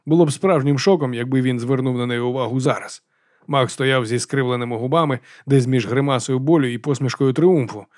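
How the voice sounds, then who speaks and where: Brisk man narrating an audiobook. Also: medium pitch, no echo, clean studio sound. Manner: brisk, steady storytelling. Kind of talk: scripted narration of a dark fantasy novel.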